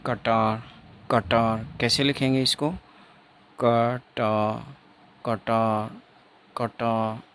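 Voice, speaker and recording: A man's voice: medium pitch, fairly bright tone, a little hiss or hum. A man teaching an exam-prep phonetics lesson, repeating each sound and example several times.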